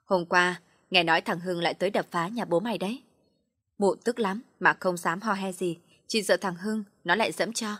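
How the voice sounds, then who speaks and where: A woman's voice: lowish voice, normal speed, a bit bright, no room sound, studio quality. A woman doing a blunt, scolding older aunt. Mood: gossiping. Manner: harsh, scolding.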